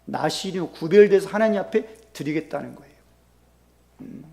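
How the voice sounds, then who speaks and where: A man preaching a sermon as pastor, acting out quoted prayers with sudden loud bursts and soft drops. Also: fairly high pitch, lively intonation, brisk, vocal fry.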